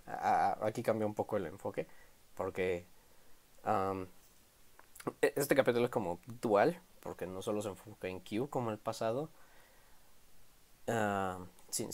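A man's voice: on the low side, unhurried, long pauses, darkish tone. A man casually reviewing a manga chapter, rambling, stammering and correcting himself.

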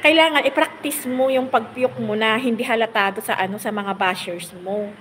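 A woman's voice: on the high side, fairly even intonation, moderate pace, a bit bright, big-room sound, a little hiss or hum. A woman chatting casually on a phone live stream, reading out viewer comments, laughing often and rambling with many fillers. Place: on the road, in a vehicle.

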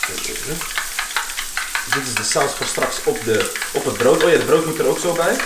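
A man chatting casually in street slang as he cooks, repeating words excitedly. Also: medium pitch, normal speed. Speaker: home cooking vlogger. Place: home kitchen with food sizzling. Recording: roomy kitchen, clear background noise.

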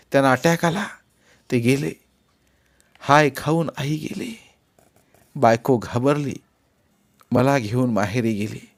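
A man narrating a novel as an audiobook, giving the characters' dialogue raised, forceful delivery. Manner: voices characters with rising pitch and force in dialogue. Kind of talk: dramatic audiobook reading.

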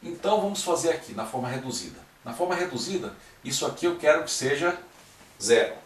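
In an echoey room with the mic placed far away, a man delivers a classroom-style math lecture step by step, often checking in with his students. His voice is a little high and animated, and he speaks fairly quickly.

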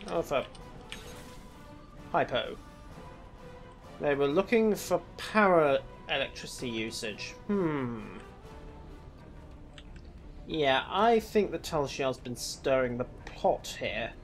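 A man's voice: fairly high pitch, sing-song, slow pace, long pauses, faint music behind. Dry, wry man commenting on gameplay. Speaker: let's play host.

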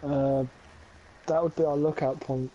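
A man's voice: fairly high pitch, steady tone, a little slow, mellow. A man playing a game with a friend, chatting in a jokey, offhand way and swearing freely. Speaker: co-player on a game stream. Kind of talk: casual gaming chat. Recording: dull lo-fi stream audio with hiss.

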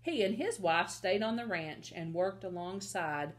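A woman reading a storybook aloud to children in a slow, expressive way. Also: fairly low pitch. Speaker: storytime reader.

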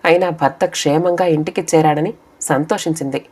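A woman narrates a scripted short story for an audiobook. Her voice sits low for a woman. She keeps a steady storytelling pace throughout. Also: moderate pace.

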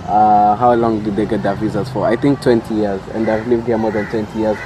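A man's voice: on the low side, level tone, brisk. A teenage boy hosting a casual vlog chat at an outdoor go-kart venue, earnestly insisting on a story, recorded on a camera set on a table. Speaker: vlog host. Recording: outdoor traffic noise behind.

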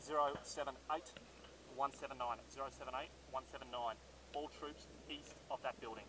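A man calling in over a helmet radio, in clipped military radio procedure, rushed and businesslike. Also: mid-range voice, steady tone, far from the mic, background noise.

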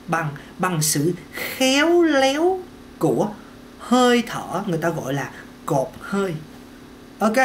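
A man's voice: sits high, fairly bright tone, a little hiss or hum. A man giving a casual singing lesson, chatty, repeating words and dropping in little "ok"s. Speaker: singing teacher. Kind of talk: casual vocal lesson to camera.

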